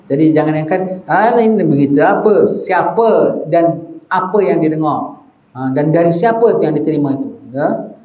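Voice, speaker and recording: Male Malaysian Malay preacher, animated sermon delivery, muffled recording with faint hiss. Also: fairly high pitch, reverberant. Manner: animated, mock-arguing in a rising, incredulous voice. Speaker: religious teacher.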